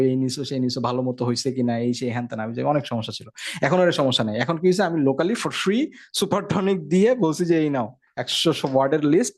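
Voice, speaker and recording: Fast-talking man giving a tech lecture. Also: a little high, a little mellow. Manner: fast, conversational, frequent check-ins. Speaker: instructor.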